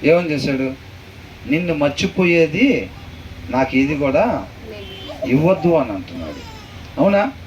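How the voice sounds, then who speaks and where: A pastor teaches scripture to a gathered class, stopping often to quiz his listeners and repeating verses slowly. His voice sits high. He is picked up from a distance with faint noise behind. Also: lively intonation, darkish tone, muffled recording. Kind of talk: conversational sermon with questions to the room. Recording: far from the mic, faint noise.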